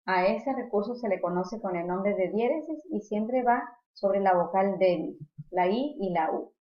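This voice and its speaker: A woman's voice: medium pitch, lively intonation, measured pace. A woman teacher explaining poetic devices and verse types in a lecture, often repeating a word while she finds the next one. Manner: explanatory, repeats words while searching for them. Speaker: literature teacher. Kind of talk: recorded lecture on poetry. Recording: echoey room, slightly dull sound.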